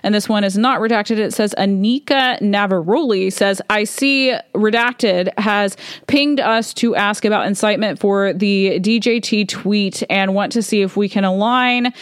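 A woman's voice: medium pitch, measured pace, clear, resonant tone, no room sound, clean studio sound. A woman vlogger reading documents aloud with opinionated commentary, with frequent ums and punctuation read out.

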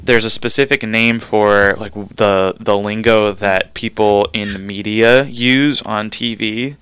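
A man's voice: lowish voice, fairly even intonation, a little slow, fairly bright tone, clear, resonant tone, dry recording. Chatty man with a Valley accent. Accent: San Fernando Valley. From Southern California. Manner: rambling, chatty, full of fillers. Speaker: radio forum host. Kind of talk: casual on-air interview. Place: radio studio.

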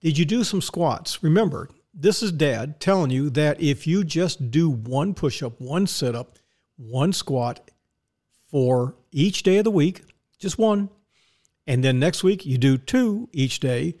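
A man's voice: a little high, expressive, measured pace, a little mellow. A man hosting a podcast in a casual, folksy monologue, often putting questions and answering them himself. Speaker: podcast host.

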